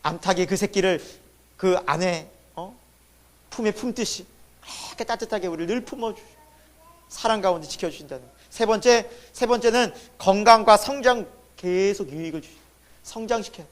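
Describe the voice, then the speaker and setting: A man preaching a sermon as pastor. He asks the congregation questions and answers them himself, and his voice swings between loud emphasis and sudden hushed drops. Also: high voice, brisk. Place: church sanctuary.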